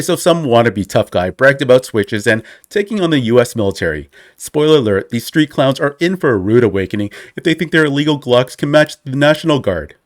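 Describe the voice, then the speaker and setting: A man narrating scripted political commentary in a scornful, punchy way. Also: medium pitch. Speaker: channel narrator.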